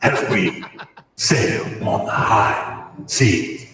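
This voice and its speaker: A man's voice: lowish voice, expressive, a crowd in the background. Man through a voice changer, echoey. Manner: hammy, drawn-out pirate announcer delivery. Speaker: promo voice for the show. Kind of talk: mock pirate show promo. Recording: heavily echoey, long reverb, music behind.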